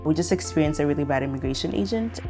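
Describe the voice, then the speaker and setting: Low-voiced young woman from Kenya. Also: lively intonation, fast, over music. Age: young adult. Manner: reflective, with frequent fillers. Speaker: interviewee. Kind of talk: documentary interview.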